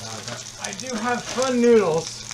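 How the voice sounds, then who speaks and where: Frying and sizzling sounds are clear in the background as this man from the United States cooks in his home kitchen during a live stream. He speaks slowly in a high-pitched voice with big pitch swings, rambling casually and joking along the way.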